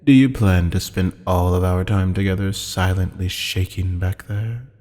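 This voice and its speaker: A man playing a haughty, teasing demon buyer in an ASMR roleplay drama, with a low, gravelly, husky voice and a taunting, mock-polite manner. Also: steady tone, normal speed, a little mellow, close to an everyday voice. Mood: taunting, menacing. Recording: long hall-like reverb.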